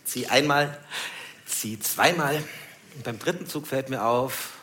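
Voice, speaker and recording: A man doing stand-up, telling a story in a lively, self-mocking way and laughing at his own jokes on a live stage. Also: mid-range voice, measured pace. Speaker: stand-up comedian. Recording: echoey live venue, background noise.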